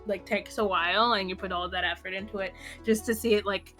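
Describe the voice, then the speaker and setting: A young woman co-hosting a podcast speaks a little fast at medium pitch, her tone fairly bright and her intonation fairly even, with faint music behind her. In casual chat, she tells a personal story expressively and acts out her own reactions.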